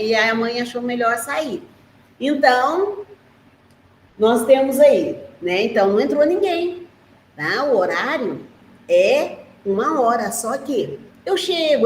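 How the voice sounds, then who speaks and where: Speaking from a school classroom, a primary school teacher with a Brazilian Portuguese accent teaches little kids remotely in a high-pitched voice. She is slow and patient, pausing to ask short questions like "né?" and "tá?" as she explains. Faint noise and echo fill the room.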